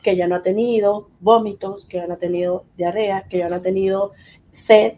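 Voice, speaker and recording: A middle-aged woman, a guest in an interview telling a personal story with lively acted-out dialogue. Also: mid-range voice, fairly quick. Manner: animated, acts out quoted dialogue.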